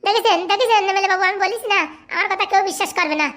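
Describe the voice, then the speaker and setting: A woman's voice: extremely high pitch, fairly even intonation, very fast, a bit bright. Woman doing a huffy cartoon manservant. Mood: indignant. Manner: indignant complaining. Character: aggrieved male servant, loyal and touchy.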